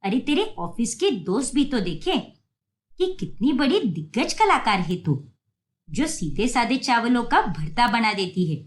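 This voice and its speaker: A woman voicing a strict, sarcastic middle-aged mother in an animated story. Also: on the high side, measured pace. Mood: scolding. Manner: nagging, sarcastic.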